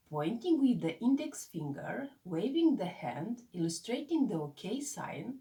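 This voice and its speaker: A woman reads a scripted lesson in a measured, explanatory way. Her voice is mellow and warm, and her pitch moves a lot. She sounds set back from the microphone. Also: recorded from a distance. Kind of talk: scripted narration.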